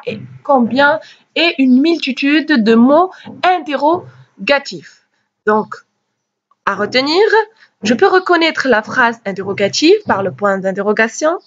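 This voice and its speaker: Slow, lively-voiced woman teaching grammar. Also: on the high side, a little hiss or hum. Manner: slow, careful explaining with lively rising question intonation. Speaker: French teacher. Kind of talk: classroom grammar lesson. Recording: dull, lo-fi recording.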